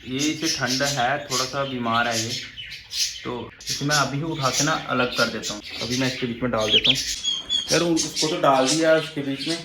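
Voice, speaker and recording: A man's voice: medium pitch, very noisy. A young man vlogging at his backyard bird enclosure, chatting casually to viewers while feeding his pigeons and chicks. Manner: chatty, addresses viewers as friends. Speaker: vlogger keeping birds and rabbits. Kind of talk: casual vlog narration. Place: outdoor rooftop bird enclosure.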